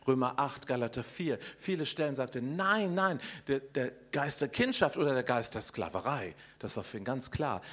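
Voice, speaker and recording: A middle-aged man preaching a sermon, talking straight to his congregation with questions and swinging from loud emphasis to hushed quiet. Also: mid-range voice, slightly rough. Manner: addresses the congregation directly with questions.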